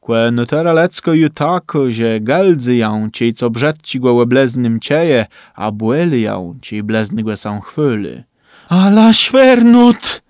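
A man with a Kashubian accent reading a folk tale aloud at an even, unhurried pace. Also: medium pitch, dry recording, clean studio sound. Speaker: storyteller.

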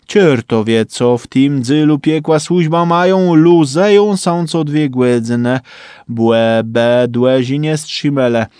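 A man with a Kashubian accent reading a folk tale aloud at an even, unhurried pace. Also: mid-range voice, clear, resonant tone, dry recording, clean studio sound. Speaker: storyteller.

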